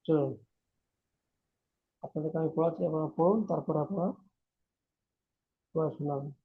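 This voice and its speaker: A man teaching Quran reading, chanting letter and vowel drills and correcting students gently. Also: fairly high pitch, slight background noise. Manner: chanting syllables, brisk explanations, gentle corrections. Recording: dull lo-fi recording.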